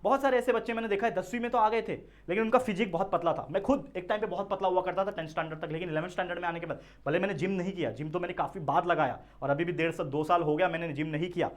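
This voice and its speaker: A man's voice: high voice, rapid-fire, hardly any pauses. A young man, an online tutor, talking straight to students with earnest advice and frequent check-ins. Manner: earnest, addresses students directly with frequent checks like "theek hai na". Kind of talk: direct-to-camera advice talk.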